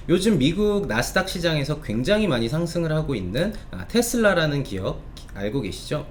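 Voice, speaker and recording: A man delivers stock market commentary wrapped in a sales pitch, polite and explanatory, drawing out key words for emphasis. There's a faint hiss or hum in the recording.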